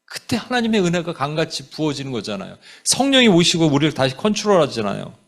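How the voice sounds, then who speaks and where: A man preaching a sermon as a pastor, animated, dropping English phrases into his talk. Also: a little high, fast talker, gravelly. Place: church sanctuary.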